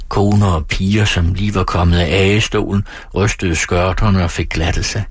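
Casting: male audiobook narrator, deep husky voice, measured storytelling, dry close sound. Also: no echo. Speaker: audiobook reader. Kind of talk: scripted literary narration.

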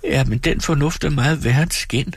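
A childish young wife pleads and sulks in a high, soft voice, as a man reading aloud puts her on. She sounds husky, with a dry close sound. Every line comes out plaintive and teary, like a spoiled girl in a storybook. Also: no room sound, natural voice. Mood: tearful protest. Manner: sulky, plaintive, quick to tears.

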